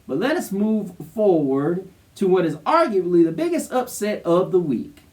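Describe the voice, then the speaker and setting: A man's voice: high voice, very animated, moderate pace, a little mellow, distant mic. A man co-hosting a sports show, giving casual, emphatic, opinionated commentary. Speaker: co-host of a college football show.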